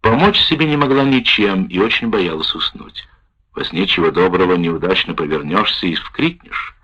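This wartime memoir is narrated by a man whose husky, low voice travels through a broad, animated melody as he reads with measured expression in the first person. The sound quality is muffled and lo-fi.

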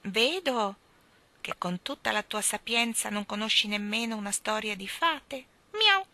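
A sly, proud storybook cat purrs out its words and drops in high squealing meows, as a woman reader puts it on. The tone is bright and sharp. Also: expressive, a little slow.

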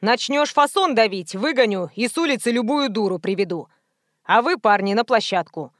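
A woman's voice: a little high, animated, moderate pace, dry recording, studio quality, lightly acted. A woman voicing a rude, bossy male director who barks orders, in an audiobook reading. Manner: brusque, rude, commanding.

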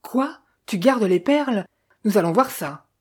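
A woman reading the part of a domineering older male millionaire with a gruff, commanding manner. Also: mid-range voice, lively intonation, unhurried, darkish tone, pitched above the performer's own voice. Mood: furious.

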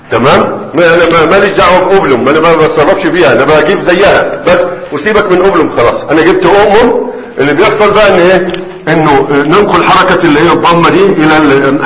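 A man's voice: on the high side, a bit bright. A man with an Egyptian Arabic accent teaching grammar in a conversational classroom lecture, often checking in with his students. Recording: echoey hall, faint background noise.

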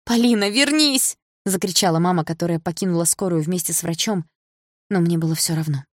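A woman's voice: on the low side, fairly even intonation, quick pace, dry recording, clean studio sound. A woman narrating a first-person audiobook in an intimate, tense storytelling manner. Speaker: audiobook reader.

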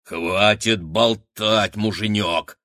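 A man voicing a huge, brutish giantess in an audiobook, speaking slowly and threateningly. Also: fairly even intonation, bright, forceful tone, dry recording, clean studio sound, exaggerated voice. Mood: bullying. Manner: slow, booming, threatening. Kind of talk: audiobook character voice.

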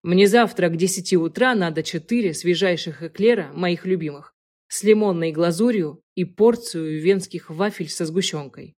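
A woman's voice: lowish voice, moderate pace, darkish tone, lightly acted. A woman voicing an impulsive man in his thirties who speaks urgently and emphatically in an audiobook. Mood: eager.

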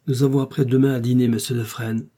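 A man's voice: medium pitch, little pitch movement, fast talker, dark tone, natural voice. A man reading aloud, voicing a proud young wife who speaks in a clipped, defiant way.

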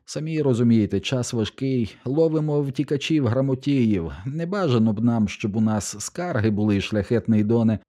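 A man's voice: mid-range voice, expressive, dark tone, voice pushed up, lightly acted. A man doing a fawning, flustered stormtrooper. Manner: fawning, hurried, apologetic. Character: fawning, flustered male stormtrooper, rough soldier.

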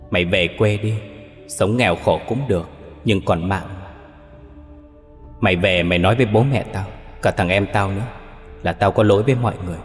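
The kind ghost of a murdered young woman speaks faintly and mournfully from the dark in an audio horror story, voiced by a man. The voice is low and deep, with faint music beneath. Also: in a large hall, close to an everyday voice. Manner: faint, whispering sorrowfully.

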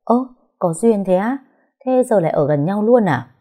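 A woman voicing a young female friend who chats and teases quickly. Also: medium pitch, expressive, mellow, pitched above the performer's own voice, lightly acted. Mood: teasing. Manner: quick, teasing.

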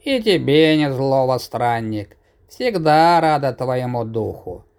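A man's voice: sing-song, slow, a little mellow, smooth. A man voicing a fussy old grandmother wolf spirit who grumbles and wails in a storybook. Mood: grumbling. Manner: grumbling, then shrill wailing.

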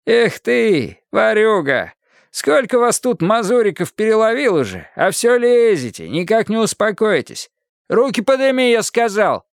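A man's voice: high voice, sing-song, measured pace, vocal fry, dry recording, studio quality, pitched above the performer's own voice, full character voice. A man voicing a cranky old male watchman who mocks and barks orders, in an audiobook. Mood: furious. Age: older. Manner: shouting, mocking, bossy. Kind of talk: audiobook character voice.

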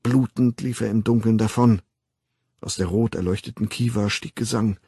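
A man reading an audiobook in a measured, grave storytelling manner, close to the mic. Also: on the low side, steady tone, mellow, slightly rough, dry recording. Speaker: narrator. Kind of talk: scripted audiobook narration.

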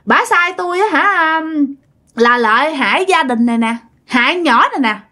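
A whiny young ghost girl speaks through a possessed grandmother, voiced by a woman telling the tale. Her voice is high and leaps around in pitch as she wheedles and complains. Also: lively intonation, normal speed, bright, forceful tone. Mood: scheming.

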